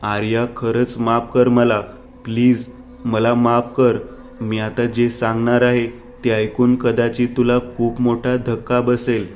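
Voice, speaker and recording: A man's voice: medium pitch, completely flat delivery, slow pace, a little hiss or hum, natural voice. A man voicing a desperate young man who has lost everything, panicked and pleading. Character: desperate young man ruined by bad investment.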